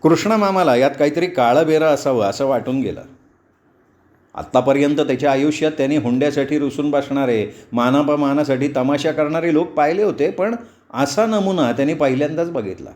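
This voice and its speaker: Man narrating a novel. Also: a little high. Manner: measured, expressive reading. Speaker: audiobook storyteller.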